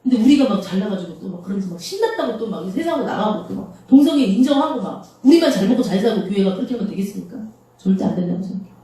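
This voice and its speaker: Racing along, very animated yet mellow, a woman pastor with a mid-range voice delivers a sermon in a small church. She keeps it conversational and asks the congregation rhetorical questions, her voice distant in a very echoey room.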